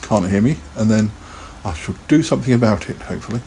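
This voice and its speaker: A man's voice: fairly low pitch, lively intonation, fast talker, mellow, a little hiss or hum. A man hosting a casual live podcast, chatting in a rambling way and laughing often. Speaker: podcast host.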